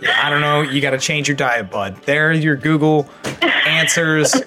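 A man's voice: fairly high pitch, steady tone, moderate pace, music in the background. Joking, foul-mouthed man hosting a podcast. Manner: loose, profane and joking. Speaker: podcast host. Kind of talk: casual recovery podcast chat.

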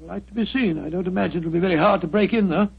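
An actor playing a loyal, blustering British doctor, the detective's old friend, in a 1940s radio drama. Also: male voice, high-pitched, gravelly. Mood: hushed, wary. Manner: blustering, halting. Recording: noisy, dull old 1940s radio recording.

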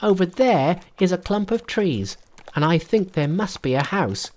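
Guy putting on a squeaky brash monkey sage, boastful and teasing, voice jumping all over, from an old storybook. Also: lively intonation, a little slow, darkish tone, slight background noise. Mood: urging. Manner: high, bold, teasing. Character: cheeky boastful male monkey sage, ageless.

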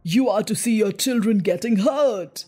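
A woman's voice: mid-range voice, measured pace, warm tone, slightly rough, soft background music. A woman voicing a menacing, pompous male pirate captain with a commanding, theatrical, old-fashioned manner in a storybook. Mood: gloating.

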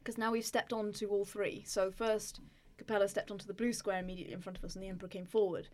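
A woman's voice: mid-range voice, little pitch movement, fast talker, darkish tone. A woman playing a tabletop game, talking through her moves with the group. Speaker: player.

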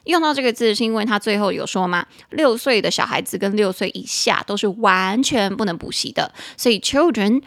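A young woman with a Taiwanese Mandarin accent co-hosting a casual English-learning podcast, spelling out words slowly and laughing through stories. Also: medium pitch, animated, a bit bright, dry recording, clean studio sound. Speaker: podcast co-host teaching English. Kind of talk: casual chat with English lessons.

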